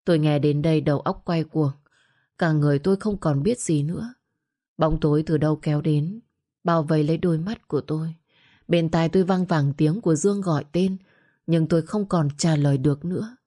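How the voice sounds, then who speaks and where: Woman, low pitch, warm dark tone, dramatic storytelling, grieving narration. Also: fairly even intonation, fairly quick.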